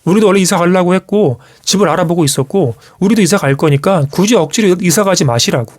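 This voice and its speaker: A man's voice: high-pitched, fast. A man streaming live, telling a personal story to his viewers in casual speech with frequent restarts, acting out what others said. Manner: animated storytelling, acts out quoted parents. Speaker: YouTuber.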